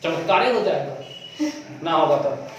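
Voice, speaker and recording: A man's voice: fairly high pitch, lively intonation, normal speed, muffled recording, slight background noise. A man teaching English in a classroom, asking the class and having them repeat words. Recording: echoey room, from far off.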